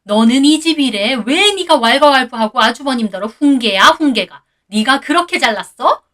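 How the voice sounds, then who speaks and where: A woman's voice: high-pitched, lively intonation, normal speed, a bit bright. A woman voicing a domineering older mother-in-law who scolds harshly and shrilly. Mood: furious scolding.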